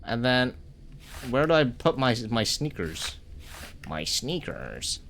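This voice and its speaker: A man's voice: medium pitch, wildly swooping pitch, takes it slowly, a bit bright, slight background noise. A man streaming a game live, chatting with viewers and swearing as he plays. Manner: chatty, cursing, greets chat between reactions.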